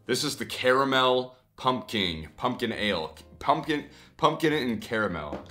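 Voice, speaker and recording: A man's voice: medium pitch, lively intonation, unhurried, loud music behind the voice. A tipsy man in his twenties, getting drunker, bantering casually and boisterously with lots of swearing. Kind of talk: casual banter, taste-test vlog. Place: small room, indoors. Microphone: camera a few feet away.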